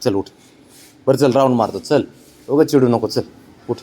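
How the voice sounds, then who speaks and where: A mellow-voiced man coaxing his cat outdoors. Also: mid-range voice, normal speed, a little hiss or hum. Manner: pleading, repetitive, gently scolding. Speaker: cat owner filming his pet. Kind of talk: casual coaxing talk to a pet. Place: outdoors below a residential building, street nearby.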